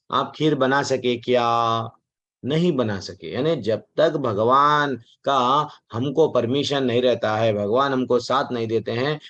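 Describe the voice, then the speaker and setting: A man teaching a devotional class on the Gita in a chatty way, mixing in English words and acting out the voices he quotes. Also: mid-range voice. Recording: dull lo-fi recording.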